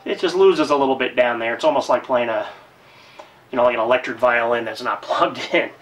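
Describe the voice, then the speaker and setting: Chatty violinist, a bit off-mic. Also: male voice, medium pitch, a little fast, a bit bright, recorded from a distance, soft background music. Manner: chatty, rambling with many fillers and restarts; breezy upbeat sign-off. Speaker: violinist reviewing gear. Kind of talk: casual video review.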